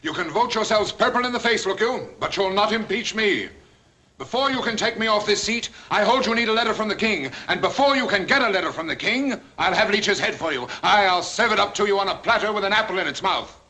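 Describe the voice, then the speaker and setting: An actor playing a blustering, defiant pirate turned governor in a 1940s swashbuckler film, bombastic and full of colorful oaths. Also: male voice, high voice, animated, fairly quick, bright, forceful tone. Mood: defiant, scornful. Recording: 1940s film soundtrack, faint music behind.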